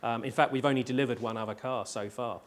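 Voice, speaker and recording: A man's voice: mid-range voice, steady tone, quick pace, slight background noise. Man, car salesman, friendly, restarts his words, casual chat. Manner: friendly, explains details, stammers on restarts.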